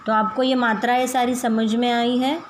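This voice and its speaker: A woman's voice: on the high side, little pitch movement, moderate pace, a little hiss or hum, low-quality recording. A woman teaching a grammar lesson to children, patiently spelling out syllables one at a time.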